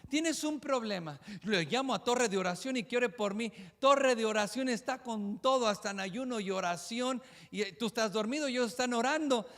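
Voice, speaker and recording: Man, pastor, fervent sermon, rhetorical questions, very high voice, long church reverb. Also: normal speed, a bit bright.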